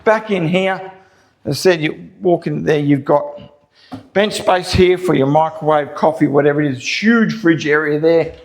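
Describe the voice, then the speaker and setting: A man's voice: on the high side, normal speed. An Australian man, a real estate agent, gives an informal, salesy walkthrough of a property with folksy asides, his voice echoing in empty rooms. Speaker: real estate agent presenting a house tour. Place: empty house interior, walking between rooms.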